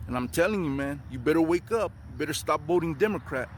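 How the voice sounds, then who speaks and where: A man's voice: a little high, expressive, quick pace, slight background noise. A man recording a selfie video outdoors on a phone at arm's length, urgent and insistent, repeating his points. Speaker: clip speaker.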